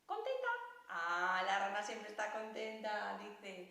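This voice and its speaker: Brief: lively children's music teacher, woman, bright higher voice, booming room echo. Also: normal speed. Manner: animated, playful, talking to children. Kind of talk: children's music lesson with puppets. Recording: very echoey, distant mic.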